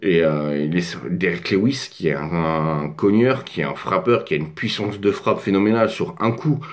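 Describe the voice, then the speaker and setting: A man's voice: low-pitched, moderate pace. A man from France casually breaking down a fight on his own at home, rambling with lots of fillers and restarts. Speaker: MMA fight commentator. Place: home desk.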